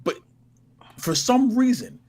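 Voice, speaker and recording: A man's voice: very high voice, very animated, slow pace, darkish tone. A man co-hosting a podcast, arguing his point with passion and insistence in casual chat. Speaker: podcast co-host.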